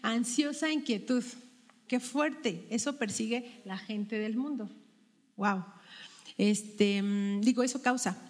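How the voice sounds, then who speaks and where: Speaking slowly in a mid-range voice, a woman teaches a women's Bible study, quizzing the group and checking what they answer. She keeps adding "¿verdad?" to her questions, and the sound carries a long hall reverb.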